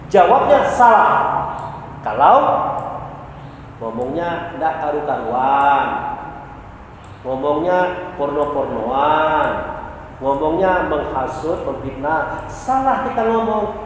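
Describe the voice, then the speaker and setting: A man's voice: sits high, slight background noise. A male preacher gives a conversational religious lecture, acting out imagined questioners. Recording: echoey hall, distant mic, faint ambience.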